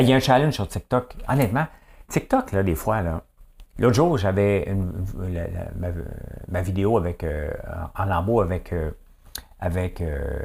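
A man's voice: sits low, darkish tone. A middle-aged man with a Québécois accent giving a jokey, rambling opinion monologue that keeps asking "hein?". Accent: Québécois French. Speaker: commentator.

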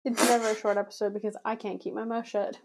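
A woman's voice: mid-range voice, level tone, quick pace, creaky, slight background noise. A young woman co-hosting a podcast, chatting casually in a blunt, opinionated way and swearing freely. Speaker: podcast co-host. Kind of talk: casual chat.

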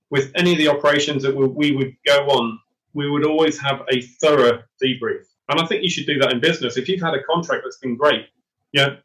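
A man's voice: medium pitch, fairly bright tone, low-quality recording. A middle-aged man, a former special forces soldier, speaking as a podcast guest in an earnest, reflective way and often repeating words as he starts a thought. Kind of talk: casual interview chat.

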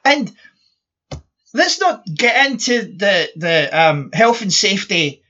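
A Scottish man with a fairly high, forceful, bright voice chats bluntly on a podcast, ranting and swearing without holding back. The sound is a bit dull and lo-fi. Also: big pitch swings, slow. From Scotland. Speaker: podcast co-host. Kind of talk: casual chat.

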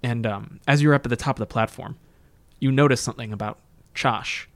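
A man's voice: mid-range voice, brisk, fairly bright tone. A man narrating an improvised tabletop game as game master.

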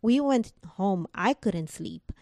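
A woman tells a personal story to a listener, slipping into quoted dialogue as she recounts who said what. Her voice sits at a medium pitch for a woman and is recorded dry and close, with no room sound. She speaks conversationally, with plenty of casual fillers. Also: lively intonation, takes it slowly, creaky, a little mellow, no echo.

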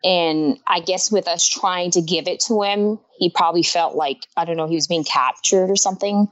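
A woman in her thirties from Honduras talks openly in a casual interview, laughing easily. Her voice sits fairly low. The recording is dull and lo-fi. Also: moderate pace. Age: 30s. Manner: open, laughs easily, talks frankly about loss. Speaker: guest artist.

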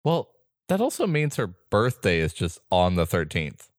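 A young man co-hosts a casual podcast, dropping wry, sarcastic remarks. His lowish voice swings lively up and down, and the recording is dry and close. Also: normal speed, dry recording. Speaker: podcast co-host. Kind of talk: casual chat.

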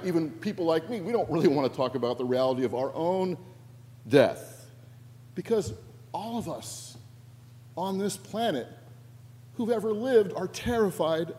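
Pastor preaching in a reverberant sanctuary. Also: male voice, a little high. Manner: animated storytelling with quoted voices and humor. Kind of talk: sermon. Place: church sanctuary. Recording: long reverb of a church sanctuary.

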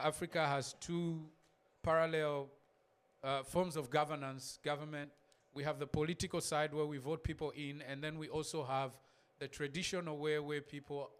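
A man's voice: on the high side, a bit bright, clean tone. A man from Zambia, a missionary guest speaker, giving a casual church talk with pictures, repeating words and laughing in asides.

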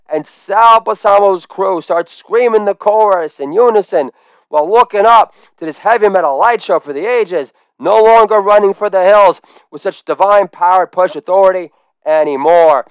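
High-voiced shouting comedian in his forties. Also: smooth, no room sound. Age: 40s. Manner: loud, with shouted catchphrases. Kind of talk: comic storytelling monologue.

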